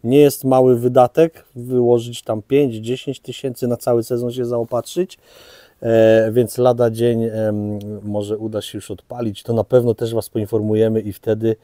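A man's voice: medium pitch, little pitch movement, moderate pace, mellow, no room sound, studio quality. A man hosting a fishing shop video in casual chat, joking and loose with fillers, with a Polish accent. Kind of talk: casual product presentation.

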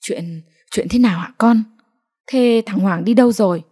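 A woman voicing a flustered elderly village grandmother who scolds in rapid bursts. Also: medium pitch, warm tone, breathy edge, lightly acted. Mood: fretful. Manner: scolding, frantic, rapid-fire.

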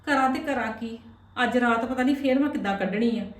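A woman's voice: a little high, quick pace, natural voice. A woman playing a wronged visiting aunt, lamenting aloud to herself. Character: wronged, self-pitying visiting sister and mother. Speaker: visiting aunt in a family skit. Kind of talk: comic family skit acting. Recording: echoey room, voice from a distance.

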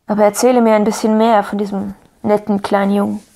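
A woman voicing a lonely, gruff older gentleman who speaks firmly. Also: mid-range voice, flat delivery, fast, close to an everyday voice. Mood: stern.

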